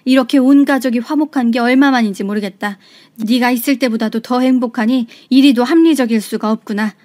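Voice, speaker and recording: A woman voicing a stern older mother-in-law who scolds forcefully. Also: a little high, a little fast, lightly acted. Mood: cold.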